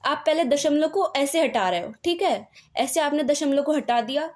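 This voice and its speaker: A woman with a high voice teaches maths for an exam course, speaking close to the mic over an on-screen lesson. She walks through each step patiently, checking in with her students as she goes. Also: expressive, normal speed, darkish tone. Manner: explains step by step with fillers and repeated checks. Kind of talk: exam-prep video lesson.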